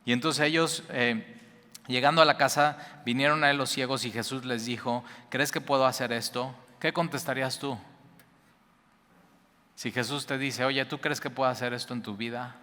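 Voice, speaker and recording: A man preaching a sermon, his voice bright and forceful. He talks straight to his listeners in a lively, conversational way, full of asides. The sound rings out with a long reverb. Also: mid-range voice, moderate pace. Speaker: pastor. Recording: reverberant hall.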